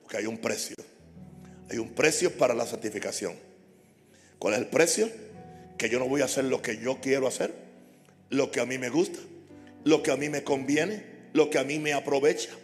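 A man preaching a sermon as pastor, impassioned and repetitive, building up to shouts. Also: medium pitch, normal speed, long pauses, big-room sound, soft background music. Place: church hall.

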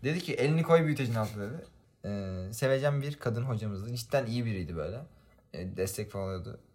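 A young man tells childhood stories to his friends in a casual chat, laughing a lot and using plenty of slang. His voice is lowish and a little mellow, and he talks fast.

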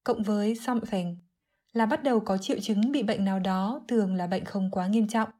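A woman giving an English vocabulary lesson, explaining clearly and methodically, word by word. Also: medium pitch, normal speed, mellow. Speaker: English teacher.

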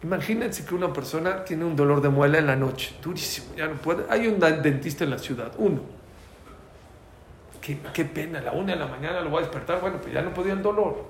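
A man's voice: fairly high pitch, brisk, reverberant, a little hiss or hum. A man teaching a religious class, telling stories and asking his listeners questions, using Hebrew terms. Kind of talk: storytelling class lecture.

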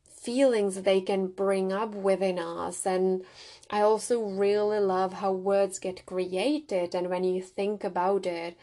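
Speaking with a Czech accent, this young woman from the Czech Republic reflects on her own experiences as the solo host of a podcast. Her medium-pitched voice is a little mellow, and she occasionally restarts small bits of phrases.

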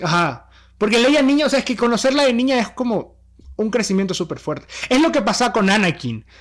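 Young male podcast co-host, high voice, animated casual delivery. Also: a little fast. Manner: animated, restarts often, laughs easily.

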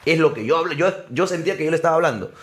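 A young man, a podcast guest telling an animated personal story and calling the listener brother. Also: a little high, racing. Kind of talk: storytelling in casual interview.

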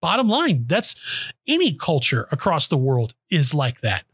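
A man's voice: on the high side, huge pitch swings, unhurried, a bit bright, husky, no echo, clean studio sound. A man hosting a podcast, delivering an emphatic, sarcastic political monologue into a microphone. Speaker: podcast host. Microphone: close studio microphone.

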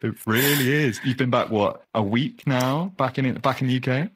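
A man's voice: mid-range voice, moderate pace, breathy edge. A man hosting a podcast, talking in an enthusiastic, effusive way in a casual interview chat. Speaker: podcast host.

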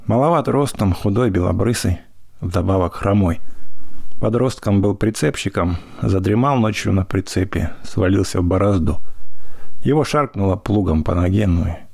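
Мужчина-чтец с низким, хрипловатым голосом спокойно и иронично читает литературный рассказ. Запись сухая, близкая, без отражений комнаты. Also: male voice, low voice, moderate pace, vocal fry, a little mellow, no room sound, clean studio sound. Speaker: narrator. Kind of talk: literary audiobook reading.

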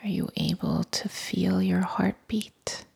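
A woman whispers her way through a guided body-scan meditation, calm and unhurried. Her voice is slow and low-pitched, with a breathy, gravelly grain.

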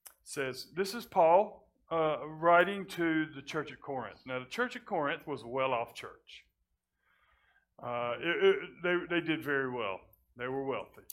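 A pastor delivers a folksy, plain-spoken sermon, repeating himself as he builds. His voice is bright and fairly high, and it climbs loud and high on key points before sinking soft and low. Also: expressive, unhurried. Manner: impassioned, swells loud and high on key points, then drops low and quiet.

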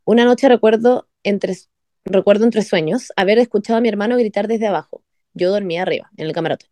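A woman's voice: mid-range voice, dark tone, no room sound. A young woman reading a story aloud to friends in a casual chat. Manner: quick reader, casual asides.

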